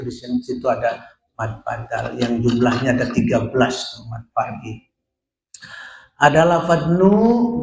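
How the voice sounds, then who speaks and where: A man gives a recitation lesson at an unhurried pace, modeling each sound aloud before explaining it. His mid-pitched voice rings around a small prayer room with plenty of echo. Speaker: Quran recitation teacher. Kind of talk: tajwid lesson at a prayer hall.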